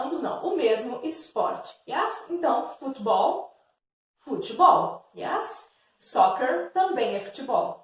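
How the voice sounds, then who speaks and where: Slow, patient Portuguese-speaking English teacher, echoey. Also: female voice, on the high side. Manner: slow, patient, checks in with "yes?" and "ok?" constantly. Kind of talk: recorded online lesson. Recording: echoey room, distant mic.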